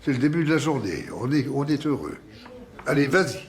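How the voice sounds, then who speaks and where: Guy doing tough old boxing coach, blunt, bossy, mid-pitched voice, film dialogue. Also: lively intonation, fairly quick, lightly acted. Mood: commanding. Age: older. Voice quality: blunt, commanding, instructive. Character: gruff older male retiree, tough boxing mentor. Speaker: retired boxer coaching a young man.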